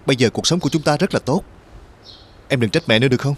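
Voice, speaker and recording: A young man acting as a son who pleads with his mother and gently talks with his brother, in earnest drama acting. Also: mid-range voice, quick pace, close to an everyday voice. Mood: gentle. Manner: earnest, pleading, rising to anguish. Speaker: grieving son.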